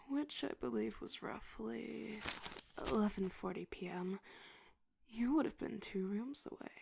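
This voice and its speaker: A woman playing a stern, condescending tough-cop detective in an interrogation, in an ASMR role-play with a breathy voice and slow, intimidating delivery. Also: medium pitch, no room sound. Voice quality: breathy, soft-spoken.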